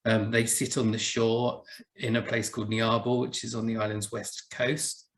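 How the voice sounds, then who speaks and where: Essex-accented man giving a measured talk. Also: medium pitch, flat delivery, vocal fry. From England. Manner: measured, explanatory, with small restarts. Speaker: buildings officer giving a talk. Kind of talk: webinar presentation.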